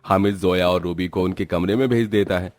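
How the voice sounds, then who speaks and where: A man narrating a cartoon horror story in an even storytelling delivery. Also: low voice, a little fast, no echo.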